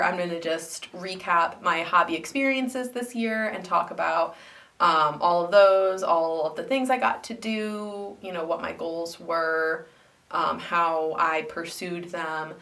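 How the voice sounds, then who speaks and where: A woman's voice: on the low side, a bit bright, recorded from a distance. A young woman vlogger, congested after flu, chatting casually about her hobby with many ums and likes. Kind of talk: casual chat to camera.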